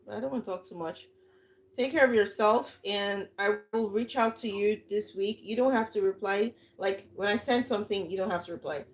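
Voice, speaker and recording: On a low-quality recording, this Nigerian woman speaks at a medium pitch while coaching viewers on her livestream. Her casual guidance is animated and forceful, with plenty of repetition.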